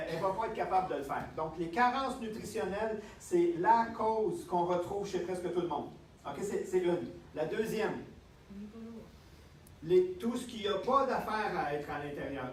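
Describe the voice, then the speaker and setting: A man with a Quebec French accent giving a lively seminar talk and checking in with the audience again and again. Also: high voice, a little hiss or hum. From Canada. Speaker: health speaker. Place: lecture room with audience. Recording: echoey room, distant mic, faint ambience.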